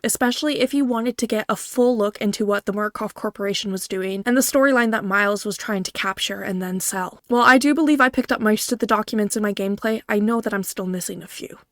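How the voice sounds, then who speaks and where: A woman's voice: on the high side, dry recording, clean studio sound. A woman gaming creator giving a scripted video game review, speaking directly to her viewers.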